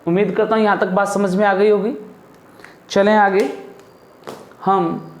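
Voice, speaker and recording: A man's voice: sits high, level tone, a little slow, roomy sound. A male teacher from India giving a classroom lesson, asking his pupils questions and then answering them himself. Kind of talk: classroom lesson on Hindi grammar.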